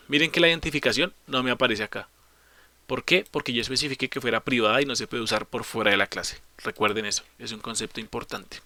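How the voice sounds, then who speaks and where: A man's voice: mid-range voice, quick pace, pushed and bright, dry recording. A man teaching programming in a coding tutorial, explaining step by step, asking and answering his own questions and correcting small slips as he goes. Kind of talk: screen-recorded coding tutorial.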